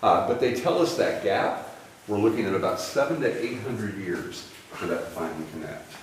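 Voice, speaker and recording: A man's voice: lowish voice, lively intonation, moderate pace, slight background noise. Guy guiding a cave tour, super echoey and far from the mic, folksy and jokey. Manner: folksy, joking with the group. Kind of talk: informal guided tour commentary. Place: inside a cave.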